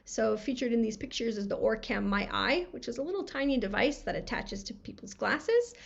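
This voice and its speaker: An American woman giving a recorded conference talk, friendly and quick-talking, her voice scratchy from a cold. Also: a little high, animated, gravelly, husky, lo-fi sound. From USA. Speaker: conference speaker. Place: home room lined with books.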